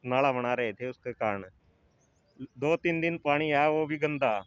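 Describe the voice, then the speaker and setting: A man, a local resident, explains the trouble in a matter-of-fact way. His voice is smooth and resonant, recorded dry with slightly dull audio. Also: on the high side, normal speed, no echo. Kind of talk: street interview.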